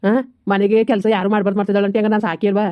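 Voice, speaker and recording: A woman's voice: mid-range voice, flat delivery, racing, warm tone, no echo, close to an everyday voice. A woman playing a jobless village husband in a comedy skit, grumbling and defensive. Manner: defensive, complaining. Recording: dry, dull lo-fi sound.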